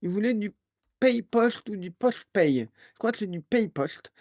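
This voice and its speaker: A man streaming live, telling a rambling story in a casual, animated way and acting out the people he quotes. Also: sits high, a little slow, no room sound, clean studio sound. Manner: animated, acts out quoted voices; rambling with restarts and fillers.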